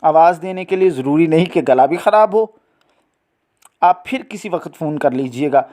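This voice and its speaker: A man's voice: fairly high pitch, moderate pace, mellow, lightly acted. A man playing a sick, irritable middle-aged husband in a dramatic reading, groaning and complaining. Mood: grumbling.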